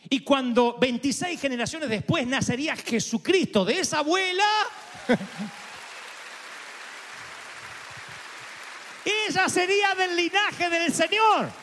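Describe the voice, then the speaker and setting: A man's voice: very high voice, moderate pace, few pauses, fairly bright tone, big-room sound, a faint crowd, a little hiss or hum. A middle-aged Argentine man preaching, telling a story animatedly and acting out the dialogue and prayers. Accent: Argentine Spanish. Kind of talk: storytelling sermon.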